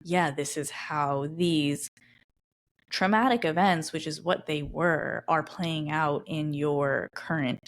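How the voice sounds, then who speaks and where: Speaking slowly in a low register, this podcast host thinks out loud during a conversational interview. Her sentences frequently stop and begin again as she works through her ideas.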